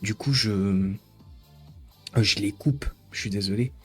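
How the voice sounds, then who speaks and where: Male streamer, low husky voice, loose joking chatter with viewers, faint music underneath. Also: unhurried. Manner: rambling, joking, teasing chat. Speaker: live streamer. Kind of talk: casual live-stream chat with viewers.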